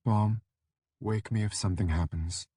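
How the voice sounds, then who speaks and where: A man's voice: fairly low pitch, fairly even intonation, normal speed, warm tone, husky, no echo, voice pushed up. A man voicing a weary, dry-witted young female shapeshifter in an audiobook, speaking tiredly and drily. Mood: sleepy.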